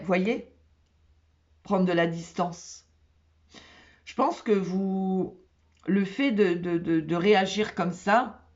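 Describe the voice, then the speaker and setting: Woman doing a chill tarot reading, chatty, keeps checking in, dull lo-fi sound. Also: fairly low pitch. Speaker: tarot card reader. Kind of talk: casual zodiac tarot reading.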